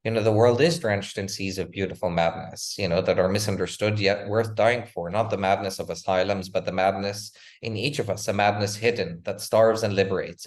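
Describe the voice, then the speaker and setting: Low-voiced man making an impassioned case. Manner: rhetorical, emphatic, repeats "again" and "right?". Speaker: guest author. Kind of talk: impassioned interview talk.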